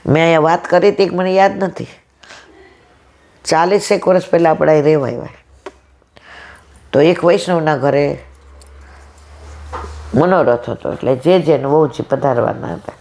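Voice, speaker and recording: A woman's voice: low-pitched, moderate pace, long pauses, a little mellow. A woman in her sixties giving a devotional talk at a satsang, telling a story and acting out each person's lines. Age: 60s. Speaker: satsang speaker.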